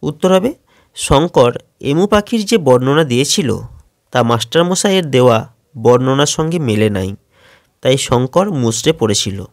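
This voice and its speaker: A man's voice: mid-range voice, normal speed, no echo. Methodical Bengali male teacher, dry close sound. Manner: steady, methodical, announcing each question then answering. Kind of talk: question-and-answer lesson for schoolchildren.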